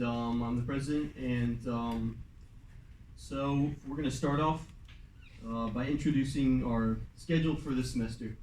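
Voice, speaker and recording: Heard from a distance in an echoey classroom, a young man who is president of a student club walks a class through the semester plan. His mid-range voice is a little mellow, with some hiss or hum in the background, and his delivery is relaxed and talkative, full of fillers with occasional shifts into Mandarin.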